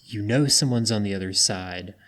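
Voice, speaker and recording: A young man narrating as game master in casual, halting chat, full of fillers. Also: lowish voice, fairly bright tone.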